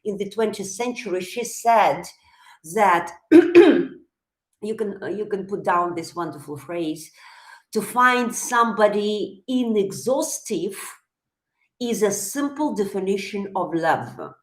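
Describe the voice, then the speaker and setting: A woman's voice: mid-range voice, expressive, slow, reverberant. A woman whose first language is Russian, teaching psychology on a live stream, thinking aloud with frequent hesitations and restarts.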